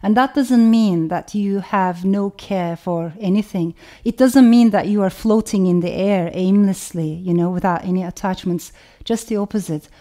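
A middle-aged woman with a Turkish accent, a novelist speaking reflectively about where she comes from, in a measured, thoughtful way. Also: mid-range voice, warm tone. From Turkey. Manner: measured, thoughtful, lists things in long chains. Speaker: novelist hosting her own channel. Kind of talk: reflective personal talk with a read passage.

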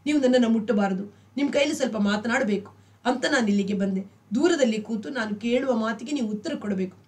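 A woman's voice: on the high side, fairly quick, darkish tone, close to an everyday voice. A woman reading a novel aloud, voicing a shy young widow who speaks hesitantly and earnestly. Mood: trembling.

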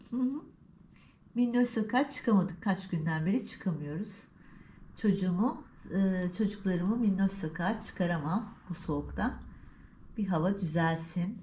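A woman's voice: lowish voice, a little mellow, reverberant, slight background noise. A middle-aged woman vlogging with her cats at home, talking to them in a playful, teasing baby-talk voice. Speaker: cat vlogger. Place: home by a balcony.

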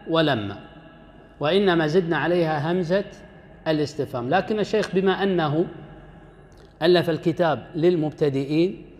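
A man teaches a grammar class in a somewhat high voice. He lays out each rule step by step and puts questions to the room before answering them himself. When he quotes a verse he slows right down and gives each word its weight. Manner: recites quoted verses slowly and deliberately. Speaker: grammar lecturer. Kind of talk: classroom lecture.

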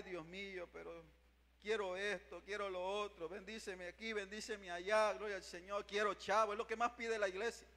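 A young man preaches a fervent revival sermon in a large church sanctuary, pacing the stage with a handheld mic and repeatedly calling out "mi amado hermano" to his listeners. His voice sits high, pushed and bright, with long church reverb.

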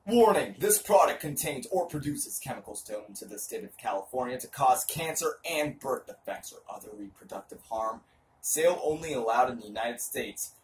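A man's voice: medium pitch, expressive, moderate pace. A young man giving a mock dramatic reading in a theatrical, hammy stage-actor manner, mock-serious, recorded outdoors on a porch. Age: young adult. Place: covered porch outdoors at night. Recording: distant, noisy porch camera audio.

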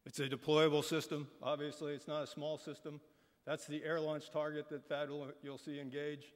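A middle-aged man giving an informal, somewhat halting briefing as a military panelist at a conference podium. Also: a little high, flat delivery. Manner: casual, halting with fillers and restarts. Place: large conference hall stage. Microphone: podium microphones. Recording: reverberant hall.

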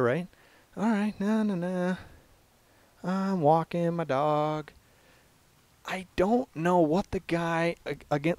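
A man's voice: mid-range voice, slight background noise. A man giving casual, joking voiceover commentary on a video compilation, often breaking off and restarting his sentences. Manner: casual, joking, self-interrupting. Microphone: voice-over.

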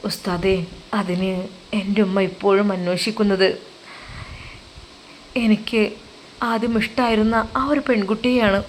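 A woman voicing a heartbroken young male religious teacher who speaks softly in a subdued, sorrowful way. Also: mid-range voice, little pitch movement, a little slow, pauses often, a little hiss or hum, lightly acted.

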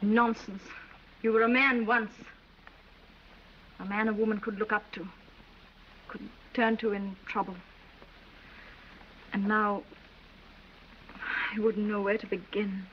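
A woman's voice: medium pitch, level tone, takes it slowly, long pauses, lightly acted. A woman playing a proud English noblewoman, cool and reproachful toward her husband, in 1930s film acting. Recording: dull 1930s film soundtrack with faint hiss.

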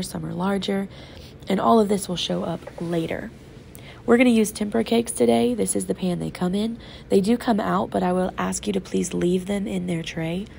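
A woman with a medium-pitched, gravelly, slightly mellow voice teaches art to young kids, patiently explaining a painting demo while she works. She's sick, congested and sore-throated, heard off-camera at a classroom table under an overhead tabletop camera, with slight background noise.

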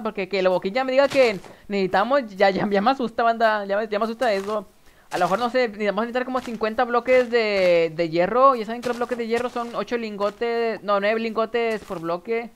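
Casual live game commentary from a young streamer with a northern Mexican accent, who rambles to his viewers between nervous giggles. He speaks in a very high, slightly bright, clean voice.

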